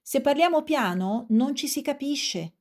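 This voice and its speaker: A woman voicing a pedantic, quarrelsome little man with a stubborn logic, calling out loudly and a little higher than her narration. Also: expressive, measured pace. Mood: indignant. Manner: loud, shouting up to a window.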